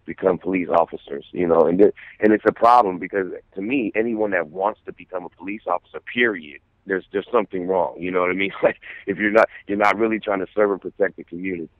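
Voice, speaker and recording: A low-voiced man calls in to a radio interview, speaking earnestly and circling back over his words as he thinks. The sound is thin and tinny like a phone line, and very dry. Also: quick pace, dry recording. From San Francisco, USA. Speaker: guest artist.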